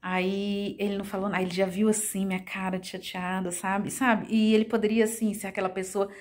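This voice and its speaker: A woman's voice: mid-range voice, level tone, fairly quick, a little mellow. Chatty Brazilian woman vlogging on her phone. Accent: Brazilian Portuguese. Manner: chatty, confiding, lots of fillers and tag questions. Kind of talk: casual chat to camera. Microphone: phone camera.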